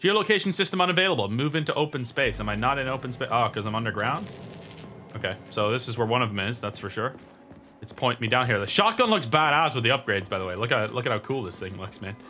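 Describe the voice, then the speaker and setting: Bright-voiced man commenting on gameplay. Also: medium pitch, lively intonation, fast. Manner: chatty, swears casually, thinks aloud. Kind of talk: casual let's-play commentary. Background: game sounds and music.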